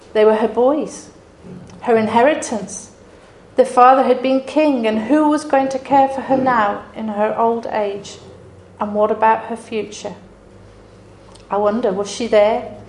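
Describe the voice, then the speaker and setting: Brief: woman preacher, fairly high voice, earnest and reflective, roomy sound. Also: darkish tone, slight background noise. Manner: earnest, reflective, dramatic storytelling. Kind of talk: devotional Bible message. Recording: roomy echo.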